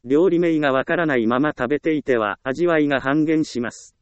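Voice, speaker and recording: Calm man reading advice, dry close sound. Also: a little high, fairly quick, clean tone, no echo, lo-fi sound. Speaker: narrator. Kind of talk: scripted narration of a self-help book.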